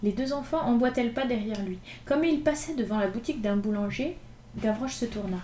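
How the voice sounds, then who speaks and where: A woman reading a classic novel aloud in an expressive, lively storytelling manner. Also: on the high side, a little fast, a little hiss or hum. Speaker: reader. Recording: echoey room with faint ambience.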